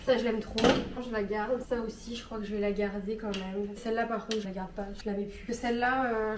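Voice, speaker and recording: A woman in her thirties, ill and with a rough, rusty voice, chatting in a casual, indecisive and self-mocking way as she sorts her clothes at home. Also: fairly high pitch, echoey room, noisy background. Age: 30s. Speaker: lifestyle vlogger. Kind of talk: casual chat sorting clothes.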